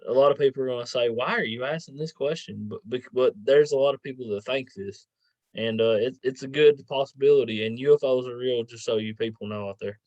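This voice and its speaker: A man hosting a casual interview podcast, speaking informally and a bit haltingly. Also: medium pitch, a little mellow, no room sound. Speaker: podcast host. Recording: dull lo-fi sound.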